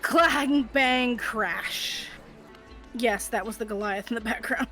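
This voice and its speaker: A woman's voice: a little high, takes it slowly, bright, forceful tone. A woman bantering casually and narrating bits of a tabletop role-playing game. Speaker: tabletop game player voicing side characters. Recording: music playing behind the voice. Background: music.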